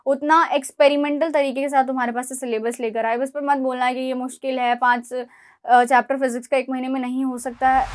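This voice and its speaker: A young woman from India giving direct, scolding yet encouraging study advice to exam students. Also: high voice. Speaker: exam prep mentor.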